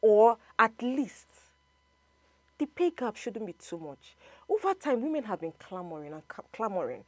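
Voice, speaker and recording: A woman's voice: mid-range voice, normal speed, no echo. A woman, debating assertively in a casual talk show and listing examples to back her view. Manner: assertive, lively, lists examples.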